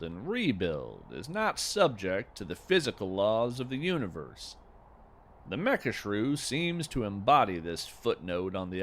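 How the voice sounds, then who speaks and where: In this fiction podcast, the host speaks in a medium-pitched, exaggerated voice as a gentle, whimsical naturalist amazed by odd creatures. He narrates his scripted monologue with folksy wonder, thoughtful and carefully phrased.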